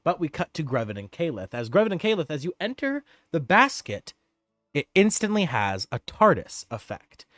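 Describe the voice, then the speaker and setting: A man's voice: on the high side, wildly swooping pitch, normal speed, a bit bright, no echo, studio quality, faint music behind. A man working as game master, improvising narration for a tabletop role-playing game.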